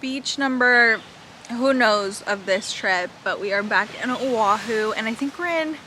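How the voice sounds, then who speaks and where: A woman's voice: fairly high pitch, measured pace, pushed and bright, faint music behind, poor audio. A young woman chatting casually in a book vlog from a beach, rambling with lots of "like" fillers. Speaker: book vlogger. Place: outdoors at a beach.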